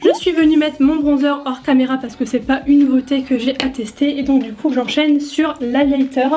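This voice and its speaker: A woman's voice: sits high, fairly even intonation, normal speed, dark tone, faint music behind. A young French woman chatting casually through a makeup review, thinking aloud with lots of fillers. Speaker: beauty vlogger.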